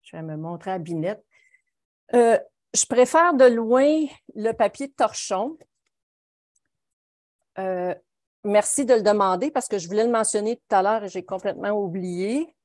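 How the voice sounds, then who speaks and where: Painting live for a video call in her indoor home studio, this middle-aged woman teaches watercolour with a Quebec French accent. She speaks in a mid-range, slightly mellow voice that's expressive and a little slow, leaving long pauses as she chats through the demo.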